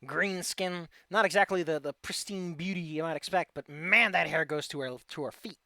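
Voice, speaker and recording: A man's voice: fairly high pitch, moderate pace, bright, forceful tone, dry recording. A man narrating casually as game master of a tabletop game, with a playful, teasing manner.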